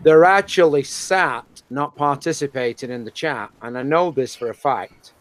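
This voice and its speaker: A man with a mixed British and American accent hosting a casual live stream chat, rambling and animated with many fillers. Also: medium pitch, moderate pace, low-quality recording. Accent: British with American twang.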